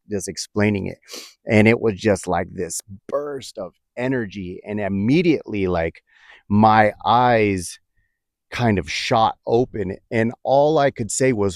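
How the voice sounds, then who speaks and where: A man telling a personal story in a reflective, halting way, with many fillers and restarts. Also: lowish voice, no echo, clean studio sound.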